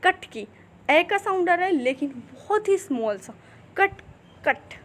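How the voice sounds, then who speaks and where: A high-pitched woman leads a phonetics lesson. She stretches each English example word out slowly and keeps checking that her students follow. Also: animated, slight background noise. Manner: slow, drawn-out demonstration of English words; repeats "theek hai" to check in. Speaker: English pronunciation teacher.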